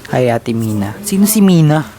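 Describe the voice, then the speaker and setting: A man with a mid-range voice chats casually at a moderate pace on a livestream, playfully teasing as he speaks directly to viewers and reads their comments. Steady background noise and clicks run through the recording.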